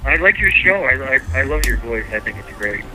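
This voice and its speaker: A man chatting casually as a caller on a show, halting and repeating his words. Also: medium pitch, big pitch swings, music in the background, low-quality recording. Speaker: phone-in guest and staff member of the show. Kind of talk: casual chat.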